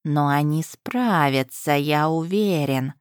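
Lady reader voicing a chill sensible cat, slow and soft, low-ish voice. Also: clear, resonant tone, no echo, clean studio sound. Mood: calm. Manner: soft, unhurried, reassuring. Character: clever talking cat, male, calm and sensible.

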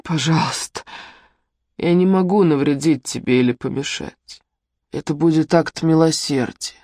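Brief: narrator doing a doomed captive man, slow hushed pleading, dry close sound. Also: on the high side, dry recording, natural voice. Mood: despairing.

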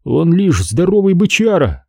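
A man voicing a frightened crewman in a deep-sea vessel who speaks in a hushed, anxious way. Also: big pitch swings, a little slow, creaky, husky, dry recording, clean studio sound, full character voice. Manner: whispering, anxious.

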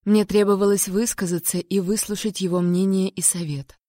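A woman narrating a first-person audiobook in an expressive, lightly dramatic way. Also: mid-range voice, moderate pace, dry recording, studio quality.

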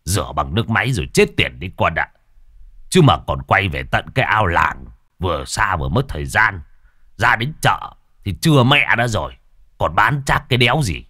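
Man playing a coarse foul-mouthed father, low and brisk, lively delivery, dry sound. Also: no echo, heavily acted. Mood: scoffing. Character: crude gruff middle-aged father vegetable seller.

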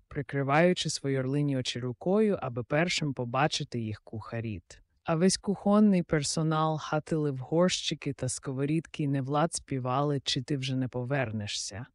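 A man with a fairly high voice narrates a storybook in a lively, expressive way. The sound is close and dry, with no room around it. He carries the tale along warmly paced and clear. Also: normal speed, dry recording. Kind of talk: audiobook narration.

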